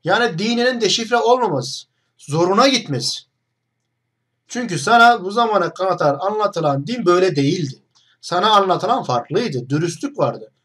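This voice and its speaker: A man's voice: high-pitched, expressive, normal speed, a bit bright, slightly rough. A young man hosting an online video, talking straight to the camera in a mocking, combative monologue full of rhetorical questions.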